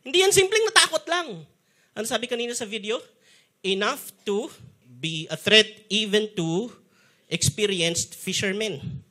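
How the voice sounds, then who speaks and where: A man's voice: high-pitched, unhurried. A man with a Filipino accent preaching a sermon, mixing Tagalog and English and acting out the quotes he tells. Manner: animated storyteller, switching between Tagalog and English, acting out quotes. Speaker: pastor.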